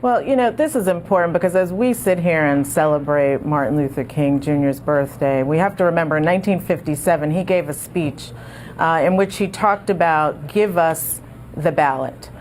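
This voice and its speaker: A woman with a very low voice answers a news anchor over a remote link. She speaks earnestly and in measured phrases. A faint hum sits in the background. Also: a little mellow. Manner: earnest, measured, with some fillers. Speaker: civil rights advocate guest. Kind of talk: interview answer. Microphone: remote studio link.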